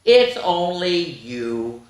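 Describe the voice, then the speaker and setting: A woman voicing a friendly, reassuring male vampire from a picture book, gentle and encouraging. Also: on the low side, big pitch swings, extremely slow, heavily acted. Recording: roomy echo.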